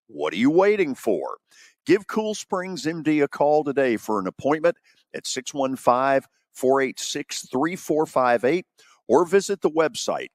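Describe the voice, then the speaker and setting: An American man hosts a radio show with the delivery of sports talk and sponsor reads. His husky voice is fairly high-pitched, and the recording is studio quality with no echo.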